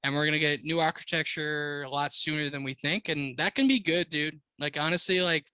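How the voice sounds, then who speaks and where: A man's voice: a little high, brisk, sharp tone, smooth, no echo. An American man co-hosting a casual podcast, talking like a slangy, swearing frat bro. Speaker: car podcast co-host.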